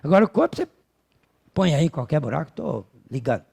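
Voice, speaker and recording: A man with a Brazilian accent voicing a calm, condemned old philosopher who speaks in slow, solemn, measured words. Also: fairly high pitch, creaky, breathy edge, heavily acted. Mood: serene. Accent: Brazilian Portuguese.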